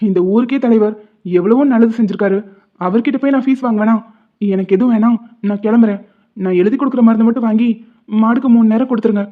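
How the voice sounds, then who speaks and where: A woman voicing a calm, kind male village vet who reassures worried owners in a cartoon. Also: on the high side, fast talker, lightly acted. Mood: reassuring. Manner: reassuring, patient. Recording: tinny phone-like lo-fi sound.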